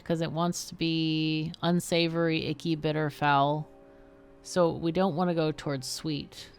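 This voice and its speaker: Casual gameplay commentary comes from a woman streamer who chats and thinks aloud while playing on a livestream. Her voice is low and gravelly.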